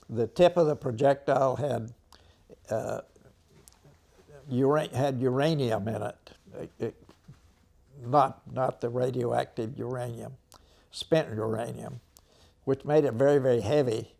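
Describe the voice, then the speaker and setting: An American man in his nineties, an old veteran remembering the war in an interview, speaking haltingly with frequent throat clearing. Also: mid-range voice, warm tone. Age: 90s.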